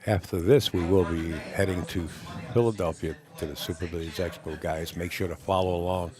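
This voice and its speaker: Male live stream host, lowish voice, chatty and folksy, casual tournament commentary. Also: steady tone, brisk, a little mellow.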